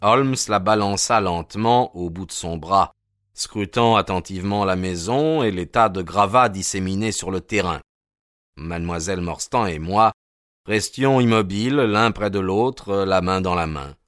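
A male narrator with a fairly low voice reads a classic detective tale in a measured, storytelling manner. The recording is close and dry. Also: fairly bright tone, no echo. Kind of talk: scripted audiobook narration.

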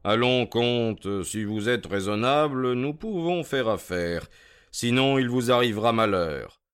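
A man playing a cool, ironic detective who needles his opponent calmly and methodically, in radio drama acting. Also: medium pitch, unhurried, smooth, natural voice. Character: cool, ironic, self-assured male detective.

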